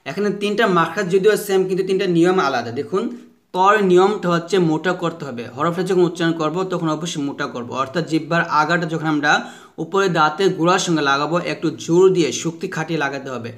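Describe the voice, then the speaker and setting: A man giving a patient pronunciation lesson for Quran recitation, modelling each letter sound slowly and having listeners repeat after him. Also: fairly high pitch, fairly bright tone. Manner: slow drawn-out modelling of letter sounds with repetition drills; patient, repeats each point several times.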